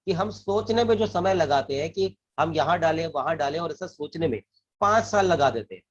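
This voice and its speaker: A man's voice: a little high, lively intonation, moderate pace. A man working as a financial advisor, earnestly explaining saving and investing, often repeating and restarting his phrases. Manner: earnest, repeats and restarts phrases, mixes English terms into Hindi. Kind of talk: explanatory talk to camera. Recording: dull lo-fi recording.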